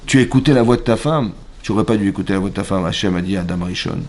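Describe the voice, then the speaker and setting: A man teaching a lively Torah class in a synagogue, acting out shouts and sounds and questioning his listeners. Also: low-pitched, very fast. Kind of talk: animated Torah lesson.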